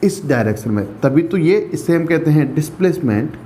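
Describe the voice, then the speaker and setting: A man's voice: on the high side, animated, fairly quick, dark tone, slight background noise. A male maths teacher giving a classroom lecture, mixing in English terms and checking in often with rhetorical questions. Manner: mixes English terms into explanations.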